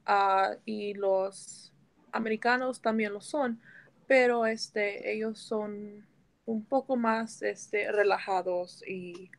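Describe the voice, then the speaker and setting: Slow, hesitant young woman. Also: mid-range voice, fairly even intonation, gravelly. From United States. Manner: slow, hesitant, many fillers. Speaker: interviewee. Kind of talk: casual Spanish interview.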